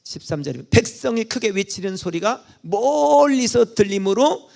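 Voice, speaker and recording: High, lively Korean pastor preaching. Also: male voice, moderate pace, gravelly. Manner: animated storytelling, asks and answers own questions; swings between soft low asides and loud exclamations. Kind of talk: sermon. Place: church sanctuary.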